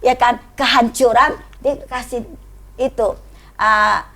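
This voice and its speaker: High-voiced woman telling a lively testimony. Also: slow pace. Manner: animated storyteller, laughs often, acts out quoted voices. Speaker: guest sharing testimony. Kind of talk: casual testimony chat.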